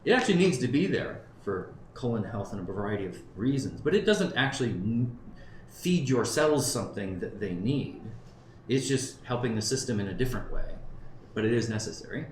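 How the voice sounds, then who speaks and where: Speaking a little fast in an animated, mid-range voice, this fifty-something man from Southern California presents conversationally to a live conference-room crowd. He keeps checking in with the audience and thinks out loud. Faint noise sits under the roomy live recording.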